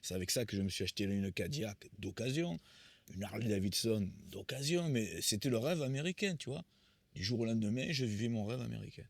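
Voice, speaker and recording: A man's voice: on the low side, animated, brisk, no room sound. A man in his sixties, a musician being interviewed, telling anecdotes in a rambling way with many restarts. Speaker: musician guest. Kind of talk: conversational storytelling interview.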